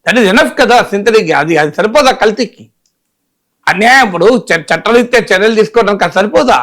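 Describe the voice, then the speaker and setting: High, bright-voiced male political analyst. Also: lively intonation, fast talker. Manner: emphatic, fires rhetorical questions. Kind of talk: political commentary interview.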